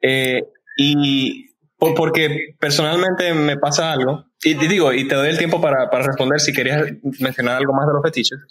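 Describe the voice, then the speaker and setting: A man's voice: fairly high pitch, fairly even intonation, moderate pace, a bit bright, poor audio. A man hosting a casual podcast, asking questions in a frank, rambling way with many restarts. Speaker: podcast host.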